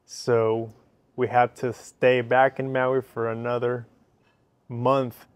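A native Spanish speaker from Ecuador, in his thirties and carrying an Ecuadorian Spanish accent, responds to casual interview questions with short, simple sentences. His mid-range voice is clear and resonant, delivered flatly at a slow pace, with no room sound. The setting is a covered outdoor patio next to a fireplace.

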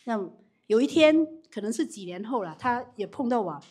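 A woman leading a live business training with audience questions, animated and quick to restart her sentences. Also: fairly high pitch.

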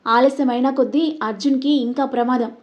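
Panicked crying mom, high and tearful, dull audio, woman voicing her. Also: steady tone, brisk, a little mellow, lightly acted. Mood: frantic. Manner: crying, frantic. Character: panicked, weeping middle-aged mother.

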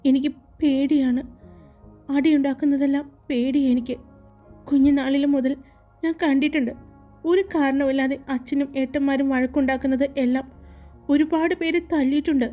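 A woman voicing a timid, gentle young woman in a soft, raised, pleading voice for a romance audiobook. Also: high-pitched, fairly even intonation, normal speed, faint music behind, close to an everyday voice. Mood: fearful.

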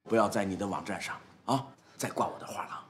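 A man's voice: fairly low pitch, fast, a little hiss or hum, lightly acted. An actor playing a stern middle-aged man from who lectures young pranksters in a TV drama. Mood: weary. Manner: lecturing, threatening then fatherly. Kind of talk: TV drama acting.

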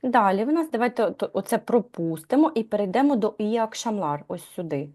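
A woman teaching Turkish in a live lesson, explaining patiently, asking her students questions and filling pauses with "e". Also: medium pitch, lively intonation, mellow. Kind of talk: live online language lesson.

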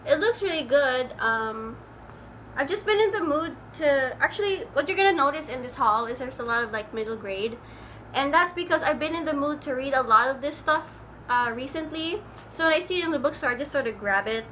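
A woman's voice: high voice, animated, fairly quick, sharp tone. A young woman, chatting casually on her video, rambling with lots of likes and ums. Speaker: book vlogger. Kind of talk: casual chat. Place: room at home with air conditioning on. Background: air conditioner hum.

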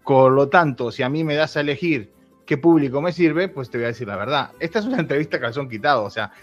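Animated and fast, with a mid-range voice, a Uruguayan YouTuber in his thirties chats candidly as an interview guest, often laughing and beginning his sentences again. Faint music sits under the dull, lo-fi audio.

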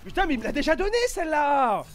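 A man doing casual gameplay commentary, excitable, swearing and shouting in bursts, with a stuffy, itchy nose. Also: very high voice, fast talker, a crowd in the background. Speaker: gaming YouTuber.

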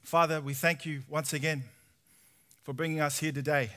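A man's voice: a little high, level tone, moderate pace. A man in his thirties with an Australian accent giving a conversational testimony sermon at a church conference, drawing the audience in with questions. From Sydney, Australia. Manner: conversational, asks the audience questions, prays softly. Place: large tent hall with audience, indoors.

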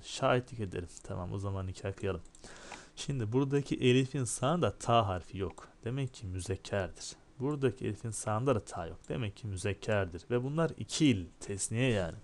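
Man teaching a lesson, low voice. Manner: explains and translates line by line, asks and answers his own questions; dry classroom jokes. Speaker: Arabic teacher. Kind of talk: recorded lesson.

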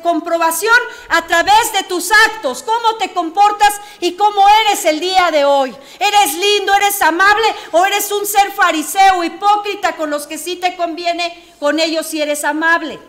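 A woman's voice: very high-pitched, fairly bright tone. A Mexican woman, a psychologist, giving a preachy radio talk full of rhetorical questions. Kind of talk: radio talk on addiction recovery. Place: radio studio.

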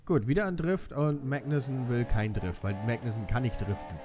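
A man's voice: medium pitch, normal speed, background noise. A young man giving joking, self-mocking commentary while playing a racing game. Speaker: let's play commentator. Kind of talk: casual gameplay commentary. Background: game music and car sounds.

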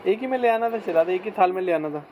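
A man's voice: high voice, animated, quick pace. Chatty man vlogging food on a phone. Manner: chatty, enthusiastic, peppered with religious blessings. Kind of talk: casual food vlog. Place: restaurant cabin, then inside a car at night. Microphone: handheld phone camera. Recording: noisy street and car background.

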